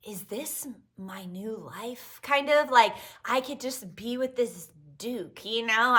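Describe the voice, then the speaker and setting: A woman's voice: on the high side, sharp tone. A woman podcast host telling stories in a casual monologue, profane and self-mocking.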